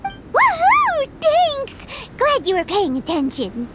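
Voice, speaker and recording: A woman voicing a tiny, cheeky fairy companion in a video game, with a squeaky childlike voice and a perky manner. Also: huge pitch swings, slow pace, a bit bright, slight background noise, full character voice. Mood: delighted. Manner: perky, talks of herself in third person. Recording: game music under the voice.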